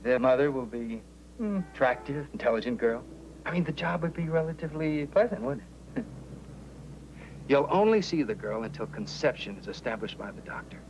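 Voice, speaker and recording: An actor playing a smooth-talking male recruiter for a baby racket in a 1980s TV drama, speaking in a slow, persuasive manner. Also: medium pitch, lively intonation, darkish tone, muffled recording, a little hiss or hum, lightly acted. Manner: persuasive, oily, drawn-out.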